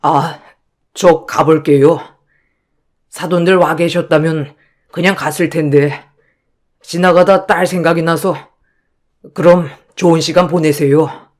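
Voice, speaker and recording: A woman voicing a gentle, apologetic older father who speaks softly and tries to calm others down. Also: low-pitched, measured pace, pauses often. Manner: soft-spoken, placating.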